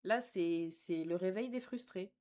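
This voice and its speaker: A woman's voice: on the low side, measured pace, a little mellow. Sassy woman streamer answering chat. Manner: sassy, teasing replies to chat. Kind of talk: casual live-stream chat.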